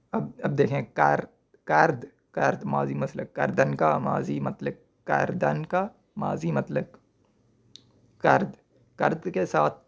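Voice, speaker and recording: Gravelly-voiced man teaching grammar. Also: a little high. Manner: patient, repeats each word several times; checks understanding with rhetorical questions. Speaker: language teacher. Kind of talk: explaining Persian grammar.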